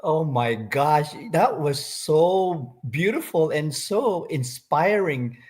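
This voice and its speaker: A man from Canada in his fifties, a guest on a live online interview, soft-spoken and hesitant, full of ums and uhs. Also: a little high, expressive, takes it slowly. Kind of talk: casual interview chat.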